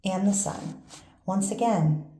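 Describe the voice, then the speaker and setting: An older woman, a grandmother, reading a children's picture book aloud in a gentle, unhurried storytelling manner. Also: medium pitch. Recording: roomy echo with faint background noise.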